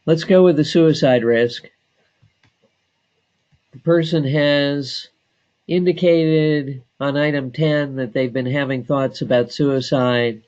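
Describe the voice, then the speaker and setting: A man training staff on database software, talking slowly and deliberately with frequent filler pauses. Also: medium pitch, highs cut off. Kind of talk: screen-share software tutorial.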